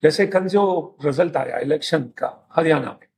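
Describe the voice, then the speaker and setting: A man's voice: on the high side, normal speed, creaky, a little mellow, slightly rough. A man hosting a casual panel discussion, talking straight to students and mixing in English phrases. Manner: mixes Hindi with English phrases, addresses students directly. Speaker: host.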